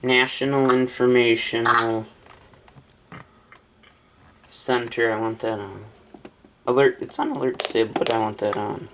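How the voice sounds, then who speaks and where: Setting up his new weather radio on camera, a man reads the menu choices out loud and decides in a casual, thinking-aloud way. His medium pitch is a bit bright and fairly even, a little slow with long pauses, over slight background noise.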